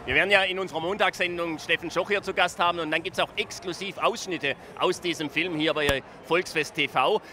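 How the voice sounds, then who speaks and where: A man's voice: on the high side, brisk, few pauses, sharp tone. A middle-aged man hosting a live panel talk on a handheld microphone in a beer tent. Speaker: TV talk show host. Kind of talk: lively live panel moderation. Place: busy festival beer tent. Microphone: handheld reporter microphone. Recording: background noise of a busy tent.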